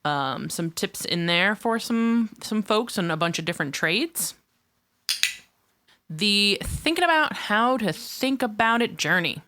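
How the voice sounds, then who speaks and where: A woman's voice: mid-range voice, lively intonation, unhurried, pushed and bright. A woman co-hosting a podcast, chatting casually and explaining ideas through step-by-step examples. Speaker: podcast co-host.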